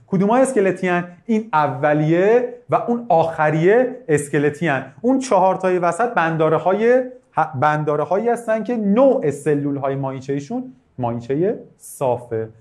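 A man's voice: fairly high pitch, few pauses. A male teacher giving a live online biology lesson, asking students questions and praising their answers. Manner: lively, asks students questions, bursts of praise. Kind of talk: live online class lecture.

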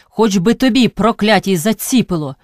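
A woman reading aloud and voicing a kind-hearted young village man with a soft, pleading way of talking that flares into curses. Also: mid-range voice, animated, moderate pace, no room sound, clean studio sound, lightly acted. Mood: angry. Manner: tender and pleading, flaring into curses.

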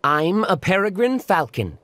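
Proud, lively cartoon falcon. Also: male voice, high-pitched, a little slow, exaggerated voice. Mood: proud, informative. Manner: clear simple explaining for young children. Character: proud, keen peregrine falcon hunter. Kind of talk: children's educational cartoon dialogue.

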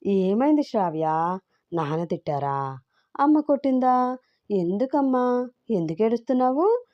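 A woman's voice: on the high side, animated, moderate pace, close to an everyday voice. A sly young husband teases with fake tenderness, his lines rising and falling lightly, as a woman reads him. Nothing is pushed far from her own everyday voice. The audio is slightly dull and lo-fi. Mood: mocking. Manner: mock-tender teasing.

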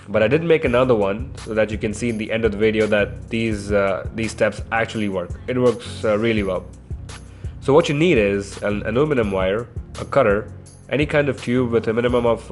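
A man recorded on a handheld voice recorder gives casual, step-by-step craft instructions in a relaxed, chatty way with frequent fillers. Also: medium pitch. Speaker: craft tutorial host.

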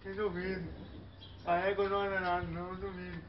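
A man's voice: sits high, flat delivery, fast. A man playing straight man in a comic duo, prompting with questions and doubtful retorts. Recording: distant, dull mic with faint noise.

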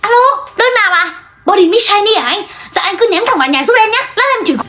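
A woman with a very high, bright-pitched voice plays every part in a comic skit. She trades quick, teasing lines. Music plays clearly behind her. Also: animated, roomy sound. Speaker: sketch comedian playing all parts. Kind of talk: comedy skit role-play.

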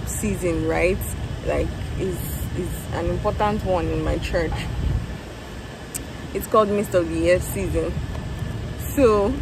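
Brief: young woman, worn out after work, lively storytelling vlog, phone mic outdoors with clear street noise. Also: mid-range voice. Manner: tired, animated storytelling with laughs and exclamations. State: tired. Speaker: vlogger. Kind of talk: casual vlog chat. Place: outdoors in a parking lot beside a factory building. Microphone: phone at arm's length.

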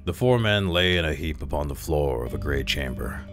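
A man calmly reading a classic short story aloud as narrator. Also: very deep voice, moderate pace, soft background music. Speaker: story reader.

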